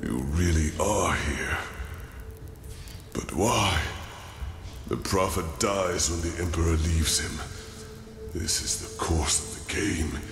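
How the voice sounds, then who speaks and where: An actor playing an ancient, weary guardian entity in a fantasy game, gravelly and solemn, with archaic phrasing. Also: male voice, deep voice, takes it slowly, pauses often. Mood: disbelieving, grave. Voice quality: gravelly, creaky. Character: ancient, weary male guardian entity, neither god nor demon. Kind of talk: dramatic fantasy game acting. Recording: echoing voice over music.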